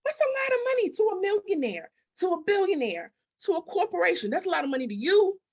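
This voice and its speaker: Her voice is extremely high and sing-song, and she talks fast. A business architect and mindset coach in an interview, she delivers emphatic, motivational answers conversationally, leaning on repetition and rhetorical questions.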